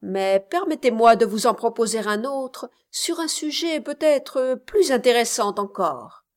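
A courteous young man with a dry, ironic politeness, as a woman reads him aloud. His speech is slow and measured, in a fairly high voice. It is an unhurried storybook reading. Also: lively intonation.

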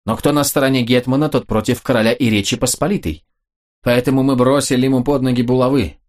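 A man's voice: mid-range voice, steady tone, quick pace, natural voice. Male reader voicing a proud nobleman officer, urgent and reproachful, audiobook role. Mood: earnest.

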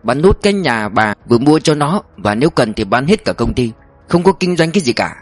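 A man's voice: mid-range voice, sing-song, a little fast, no room sound, soft background music. Male reader as principled older father; resolute, indignant, close to own voice. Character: stern principled older father, proud revolutionary veteran.

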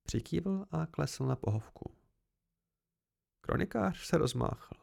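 A man reading an audiobook aloud as an amateur narrator, telling the story plainly in a gravelly voice. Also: on the high side, lively intonation, a little mellow. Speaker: audiobook reader.

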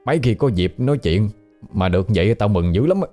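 A man's voice: on the low side, animated, fast, mellow, soft background music, lightly acted. A man doing a brash crude old ghost. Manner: blunt, teasing, crude slang. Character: brash coarse century-old male ghost.

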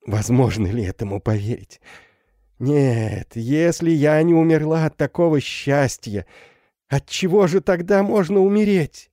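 A man's voice: fairly high pitch, animated, measured pace, warm tone, no room sound, clean studio sound, voice pushed up. A man voicing a half-mad older woman, a recluse mother, who talks wildly and tearfully in an audiobook. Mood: ecstatic. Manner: wild, tearful, swinging between joy and terror. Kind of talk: audiobook character voice.

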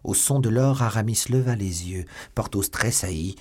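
Deep husky male audiobook narrator. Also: normal speed, a little mellow. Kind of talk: scripted narration.

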